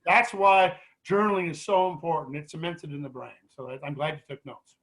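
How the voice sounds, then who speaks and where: High-voiced middle-aged man telling stories. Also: poor audio. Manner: animated, halting, many restarts. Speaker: guest speaker at a grief support meeting. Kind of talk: casual storytelling to a group.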